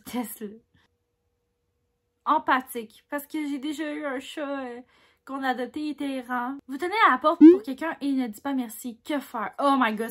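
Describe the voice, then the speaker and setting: Woman, Québécois accent, high voice, casual quiz-answering vlog, candid and talkative. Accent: Québécois French. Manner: chatty and candid, reads each question louder then mulls over answers with little laughs. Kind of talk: casual chat, reading quiz questions aloud and answering them.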